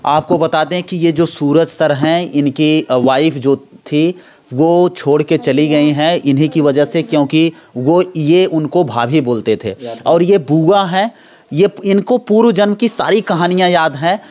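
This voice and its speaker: A man's voice: a little high, unhurried, a little mellow. A male local news reporter interviewing a family and explaining their story straight to viewers. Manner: plain explanatory, addresses viewers directly.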